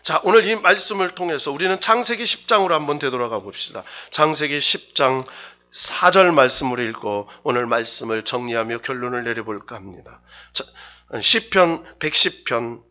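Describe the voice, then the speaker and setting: A man's voice: medium pitch, expressive, moderate pace, pushed and bright, lo-fi sound. A man preaching a Wednesday sermon as a pastor, stressing words and leading the congregation in reading scripture aloud. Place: church sanctuary.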